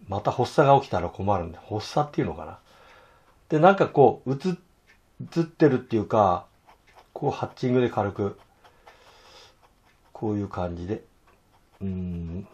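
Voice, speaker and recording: A hoarse man teaching fountain pen illustration, talking to himself in halting asides as he draws. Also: fairly low pitch, darkish tone, muffled recording. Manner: talks to himself while drawing, halting, murmured asides. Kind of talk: casual drawing tutorial.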